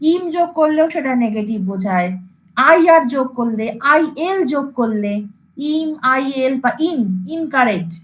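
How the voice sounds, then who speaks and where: A woman lecturer with a high voice teaches a class. She says example words over and over, mixes English terms into her speech and keeps checking whether her students follow. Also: lively intonation, moderate pace, fairly bright tone, a little hiss or hum, low-quality recording. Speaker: computer science lecturer.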